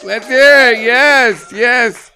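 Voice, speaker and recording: Male show host, podium-style announcing, very high forceful voice, slow stretched delivery, noisy stage mic. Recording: noisy live stage microphone.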